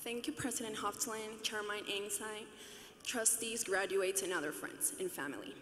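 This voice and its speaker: A woman's voice: mid-range voice, normal speed, a bit bright, a little hiss or hum. A woman in her twenties from Venezuela, giving an earnest, conversational graduation speech with light humor at a podium microphone in a large arena. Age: 20s. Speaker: student commencement speaker. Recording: echoey arena with long reverb.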